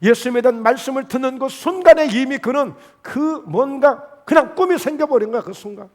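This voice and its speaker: A man's voice: very high-pitched, brisk, darkish tone. A man preaching a Friday evening sermon in church, acting out quoted voices. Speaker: pastor. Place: church sanctuary.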